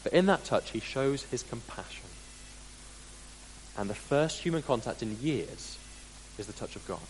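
A man preaching a sermon as dramatic storytelling, deliberate and full of pauses, with sudden drops into quiet, in a large hall. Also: mid-range voice, animated. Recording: long hall reverb, faint hum.

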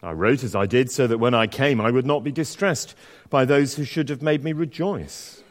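With a slightly croaky mid-range voice at normal speed, a man preaches and reads scripture aloud in a church full of long reverb. He is casual and self-deprecating, peppering his talk with fillers and restarts.

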